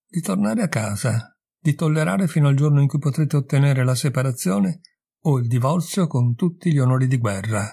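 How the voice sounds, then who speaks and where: Cautious lover in an audiobook, earnest and persuasive, man voicing him, husky mid voice. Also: medium pitch, lively intonation, moderate pace, mellow. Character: cautious man urging his lover to reason. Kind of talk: audiobook reading.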